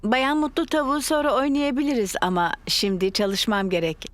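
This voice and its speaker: A woman voicing a caring, sensible mother pig in a children's cartoon, motherly and gently firm. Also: fairly high pitch, steady tone, brisk, no echo, close to an everyday voice. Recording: music behind the voice.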